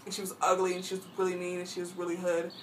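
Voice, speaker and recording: A woman's voice: completely flat delivery, racing. Rambling young woman, faint distant hiss. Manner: rambling, says "like" constantly, mimics friends in high voices. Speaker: vlogger. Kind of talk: casual storytelling. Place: at home, painting her toenails.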